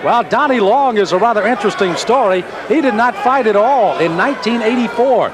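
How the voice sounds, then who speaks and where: A man's voice: high voice, lively intonation, fairly quick. An American man working as a sportscaster, giving live boxing commentary. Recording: broadcast over loud crowd and noise. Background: arena crowd.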